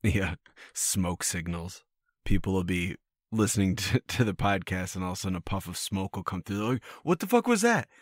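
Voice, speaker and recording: Man, very low voice, dry sound, teasing, stammers through restarts, podcast co-host. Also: level tone, normal speed, no room sound. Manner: teasing, repeats words as he restarts. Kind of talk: casual chat.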